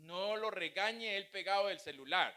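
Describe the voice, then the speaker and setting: Bright, high-voiced pastor preaching. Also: male voice, normal speed, clean tone. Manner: humorous, anecdotal preaching with acted quotes. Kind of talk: sermon.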